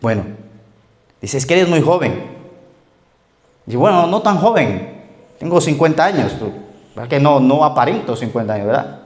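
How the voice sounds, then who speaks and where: A man in his thirties preaching a relaxed, conversational sermon in a church, joking and often checking in with "ok?" and "right?". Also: a little high, normal speed, pauses often. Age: 30s. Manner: joking, frequent "¿ok?" and "¿verdad?" tag questions. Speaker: pastor.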